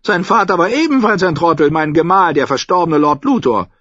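A man's voice: on the high side, animated, a little fast, fairly bright tone, no room sound, voice pushed up. Man playing a tart, mocking old noblewoman. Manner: cutting, scornful, chatty. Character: sharp-tongued old noblewoman, blunt and mocking. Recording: dull, dry audiobook recording.

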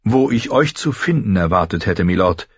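A man's voice: low voice, animated, husky, no room sound, muffled recording, full character voice. A man voicing a composed, courteous noble lady, in an audiobook reading. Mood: polite. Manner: measured, polite.

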